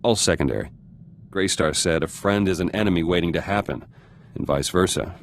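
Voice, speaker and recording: Zenith, very low, curt guerrilla fighter. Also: male voice, fairly quick, slight background noise. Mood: terse, guarded. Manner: clipped, terse fragments, blunt. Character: gruff, guarded revolutionary fighter turned politician, curt and cynical. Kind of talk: video game character dialogue.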